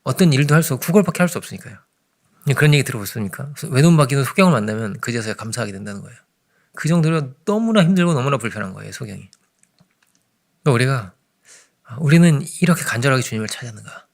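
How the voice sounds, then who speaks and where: A man preaching an early morning sermon in a conversational way, often checking in with the congregation and swinging between loud emphasis and hushed asides. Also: medium pitch, lively intonation, fast. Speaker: pastor.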